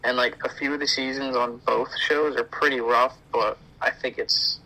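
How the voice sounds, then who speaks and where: A man in his twenties co-hosting a casual podcast chat, laid-back and quick to laugh. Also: mid-range voice, steady tone, bright, forceful tone, poor audio. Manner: laid-back, laughs easily, says "dude". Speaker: podcast co-host.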